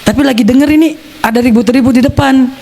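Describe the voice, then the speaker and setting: Speaking very high and fast with vocal fry, this man from South Sulawesi, Indonesia, has a dark tone, and there's slight background noise. He gives a personal testimony to a church congregation, telling his story vividly, acting out quotes, and laughing often.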